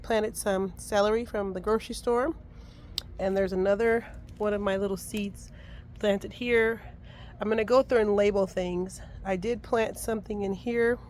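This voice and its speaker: Raspy-voiced woman with a cold. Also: medium pitch, a little mellow, a little hiss or hum. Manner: upbeat, thankful, points things out. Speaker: gardening vlogger. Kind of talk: casual garden tour. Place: outdoor home garden.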